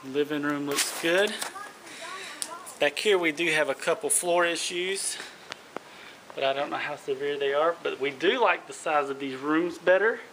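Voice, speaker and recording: A man with a slightly high voice speaks unhurriedly, casually walking the listener through a small, empty trailer. He's recorded on a handheld phone, and the audio is noisy with clicks.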